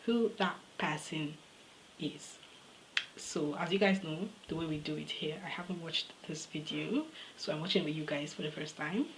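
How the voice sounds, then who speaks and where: A woman's voice: low-pitched, slight background noise, low-quality recording. A woman hosting a reaction video, chatting casually and thinking aloud as she second-guesses her guesses.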